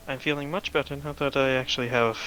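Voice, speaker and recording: A man's voice: mid-range voice, fairly even intonation, fast, pushed and bright, faint music behind, low-quality recording. A man running an online tabletop game as game master, talking loosely and swearing casually over voice chat.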